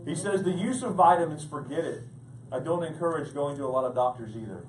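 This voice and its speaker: A pastor delivers a humorous sermon, telling stories in a playful, animated way with plenty of jokes and a brisk pace; his voice sits a little high for a man. The mic is distant, and he sounds set back in a large, echoing church hall with steady background noise.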